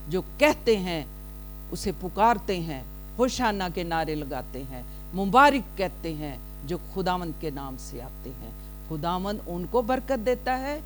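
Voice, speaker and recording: A woman preaching a sermon as a television preacher, speaking deliberately and rising into loud, emphatic declarations. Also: lowish voice, slight background noise. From Pakistan.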